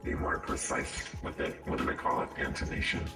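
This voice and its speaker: A man talking as a guest in casual chat through a voice changer that shifts his voice very deep, easygoing and joking about himself. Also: completely flat delivery, brisk, bright, forceful tone. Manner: easygoing, self-deprecating humor. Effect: deep pitch-shifting voice changer. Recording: very echoey with faint music behind.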